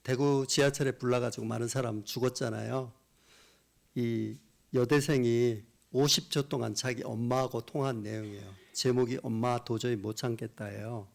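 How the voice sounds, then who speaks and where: A male pastor preaching a revival sermon in church, impassioned, dropping to hushed whispers and rising to loud cries. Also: medium pitch, steady tone, moderate pace, creaky.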